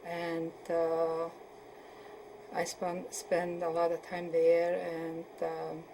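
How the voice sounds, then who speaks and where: A woman in her seventies from Poland recalls her early life in an oral history interview. Her voice is low, warm and mellow, and she talks slowly and evenly. She hesitates often and searches for words, with faint noise behind her. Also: completely flat delivery, rough recording. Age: 70s.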